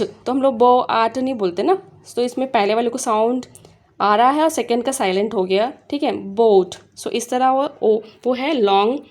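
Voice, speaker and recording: A woman explaining a reading lesson for parents in a casual teaching way. She mixes in English words, sounds words out slowly and often checks in with listeners. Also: on the high side, a little mellow.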